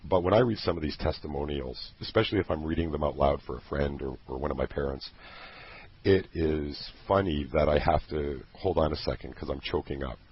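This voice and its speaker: In a very deep voice with a breathy edge, a man talks briskly about a program he made, in a casual promotional chat. The lo-fi recording sounds dull, and his delivery is earnest and passionate, with frequent restarts.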